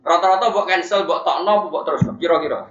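A man's voice: sits high, brisk, fairly bright tone. A middle-aged man with a Javanese accent giving a humorous religious study lecture, repeating his key points and quoting Arabic. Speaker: Islamic preacher. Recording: echoey, muffled lo-fi recording.

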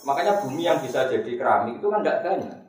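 A man's voice: mid-range voice, quick pace. An older man preaching a sermon in a storytelling way, reciting scripture verses and mixing in chatty asides, recorded in a reverberant room some distance from the mic. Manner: animated storytelling, mixing Javanese and Indonesian, reciting Quranic verses. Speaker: Islamic preacher. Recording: roomy echo, distant mic.

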